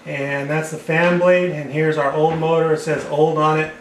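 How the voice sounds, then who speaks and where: A man's voice: on the high side, flat delivery, normal speed, a little hiss or hum. A man explaining HVAC wiring step by step while he draws on a whiteboard, recorded by a camera over the board. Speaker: HVAC repair instructor. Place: indoor room at a whiteboard table. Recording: echoey room sound.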